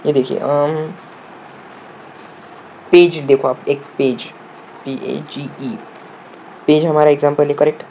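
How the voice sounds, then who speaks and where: A man explains shorthand step by step, asking the viewer questions and answering them himself, sometimes spelling words out slowly. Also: a little high, steady tone, mellow. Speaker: shorthand teacher. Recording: dull lo-fi audio with faint room noise.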